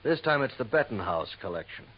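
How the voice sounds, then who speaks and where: On a noisy old recording of a 1950s radio drama, an American actor plays a worried, businesslike insurance manager who confides and explains conversationally, with hesitant asides. His voice is fairly low, very animated and a little fast, and the audio sounds dull.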